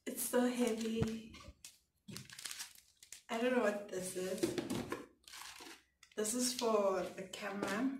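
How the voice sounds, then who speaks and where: Young woman, vlogger, from South Africa, giggly and gushing, slow, slightly high voice, echoey room. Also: steady tone. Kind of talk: excited unboxing vlog. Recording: echoey room, far from mic, clear background noise.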